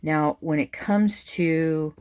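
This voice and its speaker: A woman's voice: low-pitched, slow pace, darkish tone, smooth. A woman talks through her crafting work in a loose, unscripted way. She rambles, restarts her sentences and fills the gaps with ums as she demonstrates each step. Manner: chatty and rambling, many ums and restarts, laughs at herself. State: has the hiccups. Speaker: craft video maker.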